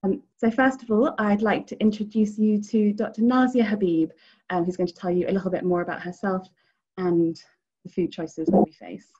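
A woman's voice: medium pitch, flat delivery, normal speed, warm tone, breathy edge. A woman in her thirties moderating an online panel from home, friendly and hesitant with many ums. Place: living room at home. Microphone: video call, laptop camera. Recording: dull video call audio.

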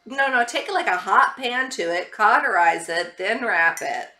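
A woman's voice: mid-range voice, animated, measured pace, bright, forceful tone. A woman sitting on a living room couch, casually reacting to a horror film with dry, critical remarks. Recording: film soundtrack playing behind.

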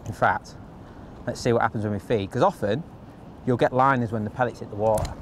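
Casting note: male angler-host, mid-pitched voice, chatty hands-on how-to delivery, outdoors with faint background noise. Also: fairly even intonation, fairly quick. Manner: practical, chatty step-by-step explaining. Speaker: angler demonstrating fishing rigs, channel host. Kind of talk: instructional how-to talk. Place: outdoors by a lake on a windy day.

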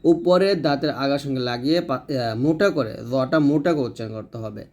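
A man teaching Arabic letter pronunciation, patiently repeating each sound slowly for learners to copy. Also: medium pitch, expressive, darkish tone, lo-fi sound. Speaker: Quran reading teacher. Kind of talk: step-by-step pronunciation lesson.

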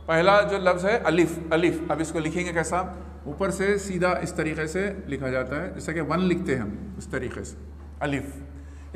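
A man's voice: on the high side, fairly bright tone. A man teaching a beginner Urdu alphabet lesson. He patiently repeats each letter sound several times and mixes English words into his explanations. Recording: long reverberant room echo.

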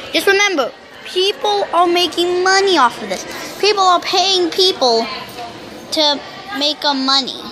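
A youngster who can't pronounce R's, saying w instead, rambling loudly through casual gameplay commentary. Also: high-pitched, background noise. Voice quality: speech impediment, cannot say R's correctly, says w for r. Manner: rambling, self-described loud talker. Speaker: YouTuber.

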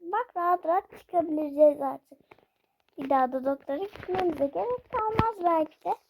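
A girl voicing a gentle young mother who comforts her child again and again in a game role-play. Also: very high voice, normal speed. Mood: soothing. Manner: reassuring, repetitive comforting. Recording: noisy home recording.

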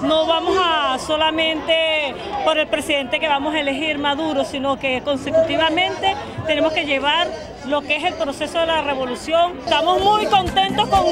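A woman interviewed at an outdoor march, earnest and halting. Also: very high voice. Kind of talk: street interview. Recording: loud crowd and music behind.

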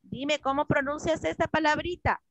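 A woman English teacher leading an online class for children, patiently repeating words slowly over a video call. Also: high voice, fairly even intonation, a bit bright, no echo, low-quality recording.

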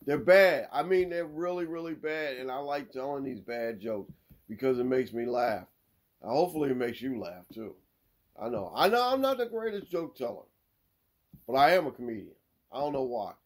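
A man's voice: mid-range voice, normal speed. A man hosting a sports podcast, telling corny jokes in a casual way and laughing at his own punchlines. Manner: lively, swings between loud and mumbled. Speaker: podcast host.

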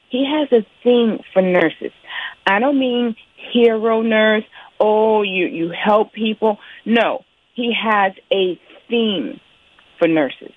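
A woman comes through a speakerphone line on the radio, her voice narrow and tinny. She talks bluntly and frankly, sounding fed up. Her pitch sits in an ordinary middle range. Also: slow, no echo. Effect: heard over a speakerphone line. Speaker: caller, nurse at a pediatrician's office.

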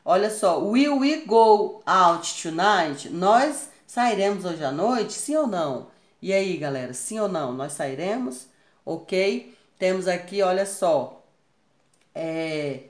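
A Brazilian woman teaching English grammar in a recorded class, patiently checking in with her students after each point. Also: on the low side. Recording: echoey room.

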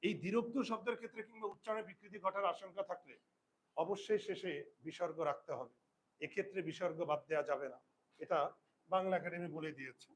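A male teacher giving a spelling lesson, slowly dictating rules and checking that his students follow. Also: sits high, poor audio. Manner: asks students checking questions. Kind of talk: Bengali grammar lesson.

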